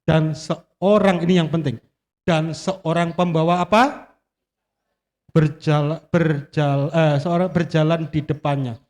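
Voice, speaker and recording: A man preaches a sermon in a church, joking with the congregation and putting questions to it. His voice sits high, and it carries a long reverb from the hall. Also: fairly even intonation, unhurried, darkish tone. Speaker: guest preacher.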